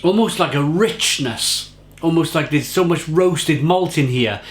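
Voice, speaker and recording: A man's voice: a little high, measured pace. A man giving a casual, effusive beer tasting review, often repeating phrases for emphasis.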